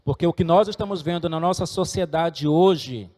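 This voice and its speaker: A man's voice: a little high, normal speed, a little mellow, big-room sound. A middle-aged man, preaching a sermon and earnestly exhorting his congregation. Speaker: pastor.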